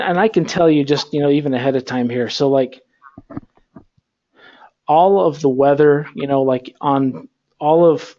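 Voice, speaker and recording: A man's voice: on the high side, highs cut off. Rambling male instructor on a video call. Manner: rambling, filler-heavy, relaxed. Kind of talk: online class lecture. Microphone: computer mic on a video call.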